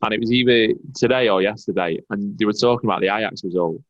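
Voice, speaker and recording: A man's voice: fairly low pitch, fast talker, dry recording. A man from England co-hosting a football podcast, bantering and mocking in a jokey way. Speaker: podcast co-host. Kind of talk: casual chat. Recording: dry, slightly muffled mic.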